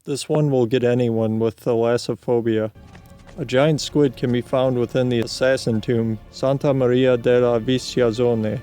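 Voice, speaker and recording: A man reading scripted video game narration in a deadpan manner, with casual asides. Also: medium pitch, moderate pace, soft background music.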